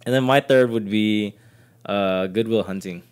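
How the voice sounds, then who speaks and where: Chill dude, lowish voice, slangy podcast banter. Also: male voice, a little slow, a little mellow, clear, resonant tone. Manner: laid-back slangy talk, quotes movie lines in playful voices. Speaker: podcast co-host. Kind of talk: casual chat.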